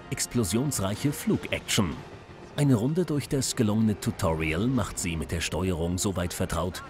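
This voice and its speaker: A man narrates scripted game reviews. Music plays clearly behind him throughout. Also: low-pitched.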